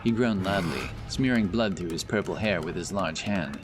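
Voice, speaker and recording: A deep-voiced man narrates a scripted fantasy audiobook with animation at a moderate pace. Background music and sound effects play behind him.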